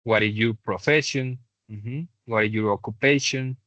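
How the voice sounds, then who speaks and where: A man teaching a beginner English class, explaining patiently and slowing down to model English examples. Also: medium pitch, fairly bright tone, no room sound. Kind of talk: online class lesson. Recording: dull dry lo-fi mic.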